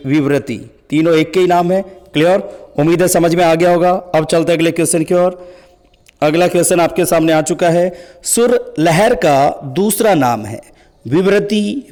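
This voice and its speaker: A male grammar teacher running an exam-prep quiz lesson, urging viewers to answer fast and often checking whether it is clear. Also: on the high side, darkish tone, in a large hall.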